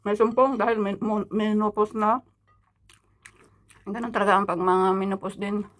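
Middle-aged Filipina vlogger, gossipy and casual, talking while chewing, mid-range voice. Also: female voice, mid-range voice, level tone, moderate pace. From Philippines. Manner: chatty, gossipy, laughs often. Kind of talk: casual mukbang vlog chat.

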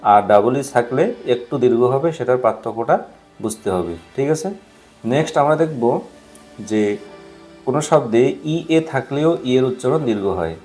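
A man explains English pronunciation rules at a patient, steady pace. He reads each example word aloud and repeats it. A faint musical bed sits low under his middle-pitched voice. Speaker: English teacher.

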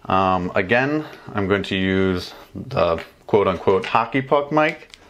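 A motorcycle travel vlogger in his thirties casually demonstrates a gear install at his desk at home, in a small room with bookshelves. His voice is deep and a bit bright, animated but slow-paced. He's chatty, with fillers and restarts.

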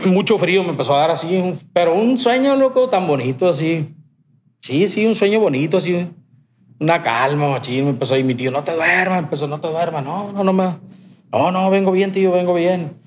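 A man's voice: high voice, a little fast, slight background noise. Slangy Sinaloan man telling a story. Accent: Sinaloan Mexican Spanish. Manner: slangy and rambling, heavy swearing. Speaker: podcast guest. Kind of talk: casual storytelling.

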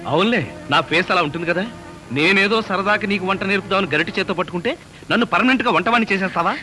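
An actor playing a young husband forced to pose as the household cook, talking in a sarcastic, complaining way in a film scene with music underneath. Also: male voice, sits high, quick pace, sharp tone, poor audio. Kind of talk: film dialogue.

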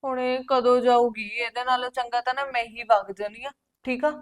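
A woman's voice: fairly high pitch, fairly even intonation, moderate pace, close to an everyday voice. A young woman playing a married daughter venting in exasperation in a village family drama. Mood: exasperated.

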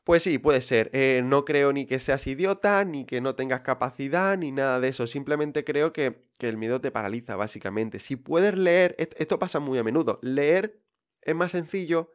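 A man with a Spain Spanish accent talks straight to his listeners in a casual podcast monologue. His voice sits at an ordinary middle pitch, and his delivery is direct and reassuring, with frequent fillers. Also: moderate pace, smooth. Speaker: podcast host.

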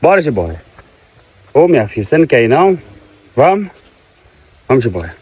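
A man's voice: mid-range voice, big pitch swings, fast, a little mellow, husky, no echo. Tender farmer talking to his cows. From Goiás, Brazil. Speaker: farmer and vlogger. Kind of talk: casual farm vlog. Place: outdoors on a farm, by a corral.

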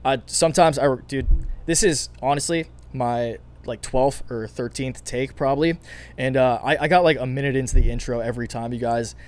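A young man hosting a casual stock analysis vlog, his voice raspy and starting to go, rambling with many repeats and fillers. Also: medium pitch, moderate pace. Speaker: stock market video host.

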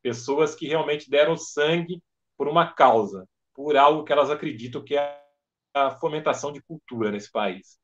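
A man, a podcast guest and event organizer, telling stories in lively fashion and acting out dialogue. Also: fairly high pitch, normal speed. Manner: animated storyteller acting out dialogue. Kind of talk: casual podcast storytelling. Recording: dull lo-fi podcast audio.

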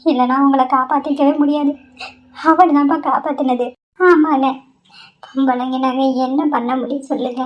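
A woman's voice: high-pitched, lightly acted. A woman voicing an anxious middle-aged village wife in a cartoon, earnestly explaining what happened. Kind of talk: Tamil cartoon voice acting. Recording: dull lo-fi audio.

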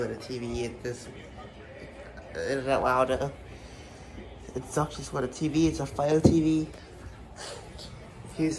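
In a rental house kitchen and living room, a man with a gravelly, mid-range voice walks around filming on his phone and narrating a casual tour. He rambles and halts, full of fillers and restarts, and the phone captures loud handling noise and clicks.

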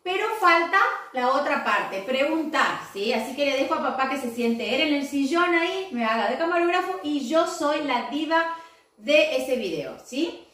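Female English teacher, high voice, patient step-by-step explainer; distant, roomy echo. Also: lively intonation, moderate pace, fairly bright tone. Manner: explains step by step, often checks with "¿sí?". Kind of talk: recorded online class for young pupils. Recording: very echoey room, voice far from the mic.

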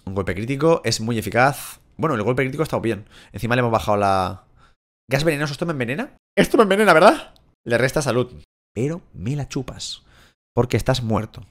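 Young male Spanish-accented gaming host, lively pitch, crude and excitable, swearing through his playthrough commentary. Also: brisk. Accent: Spain Spanish. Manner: excitable, crude, swears a lot, shouts at the game. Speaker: gaming YouTuber. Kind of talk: casual Let's Play commentary.

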